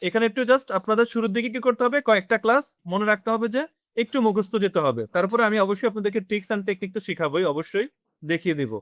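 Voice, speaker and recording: A man with a high voice teaches a beginners' French class, explaining slowly and step by step, quizzing his students and mixing in English words. The recording is dry and sounds like a clean studio.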